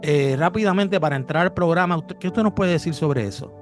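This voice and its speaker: A man with a fairly high voice hosts an interview, affirming and quick to agree with his guest. Faint music sits behind him. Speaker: host. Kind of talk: interview hosting.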